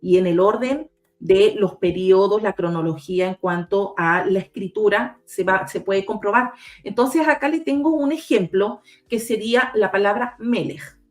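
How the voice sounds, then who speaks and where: A woman's voice: medium pitch, moderate pace, few pauses. A woman guest on a video call, patiently explaining and spelling out letters one by one like a teacher. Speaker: guest researcher. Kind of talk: explanatory talk with slides.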